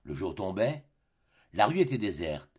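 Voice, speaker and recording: A man reading a classic novel aloud as an audiobook, with expressive storytelling. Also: low-pitched, normal speed, breathy edge, highs cut off. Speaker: audiobook reader. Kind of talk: audiobook narration.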